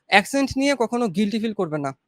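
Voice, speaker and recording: A man from Chittagong with a Bangladeshi accent, a guest giving relaxed, encouraging advice in a casual interview. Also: high-pitched, quick pace, dry recording, clean studio sound. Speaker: guest graphic designer.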